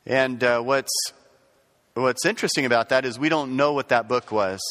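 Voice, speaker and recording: A man's voice: medium pitch, moderate pace, a bit bright, big-room sound. A man teaching a casual Bible class, folksy and rambling, with many fillers and restarts.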